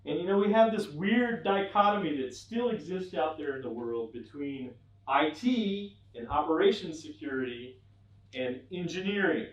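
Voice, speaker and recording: A man's voice: fairly high pitch, expressive, moderate pace. A middle-aged man giving a humorous technical talk to an audience, acting out mock dialogues with a wry touch. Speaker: conference speaker. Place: event room with an audience. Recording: echoey room, mic at a distance.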